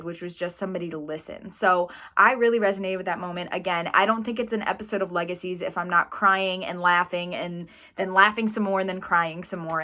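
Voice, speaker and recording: A woman's voice: medium pitch, bright, forceful tone. A young woman reacting to a TV episode in a chatty, gushing way, full of fillers. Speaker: TV reaction vlogger.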